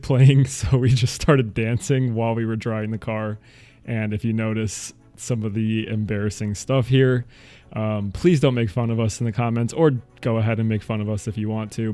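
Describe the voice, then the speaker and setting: A man's voice: medium pitch, dark tone, clear, resonant tone. A man in his thirties, host of a car detailing channel, narrating his work in a casual, friendly voice-over with a self-deprecating manner. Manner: friendly, self-deprecating, explains steps plainly.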